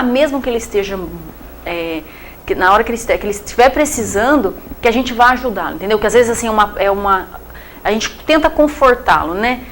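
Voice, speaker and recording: A woman's voice: on the high side, a little hiss or hum, poor audio. A young Brazilian woman psychiatrist talking in an interview, explaining in a chatty way with everyday examples and many fillers. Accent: Brazilian Portuguese. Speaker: psychiatrist guest. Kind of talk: casual interview talk.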